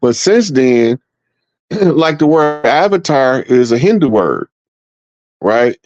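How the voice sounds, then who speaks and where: A man co-hosting a casual discussion, explaining things slowly with many pauses. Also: mid-range voice, big pitch swings, darkish tone. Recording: dry, slightly dull audio.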